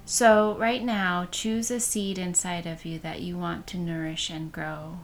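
A woman leading a guided meditation in a soft, soothing manner, with breath showing at the ends of phrases. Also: on the low side, fairly even intonation, unhurried, faint music behind.

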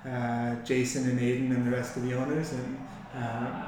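Guy chatting in an interview, pretty flat tone, kinda halting, super echoey. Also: mid-range voice. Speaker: guest, physiotherapist. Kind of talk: casual conversational interview. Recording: echoey, distant mic, noisy room.

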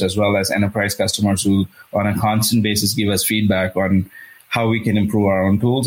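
A man speaking as a company executive, answering interview questions in a measured way with fillers. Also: lowish voice, husky, rough recording.

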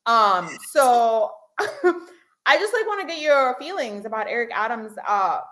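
A woman with a higher, very animated voice hosts a casual comedy podcast. She jokes, wanders into tangents and laughs often as she talks with her guest. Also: measured pace. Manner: joking, tangents, frequent laughs. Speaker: podcast host.

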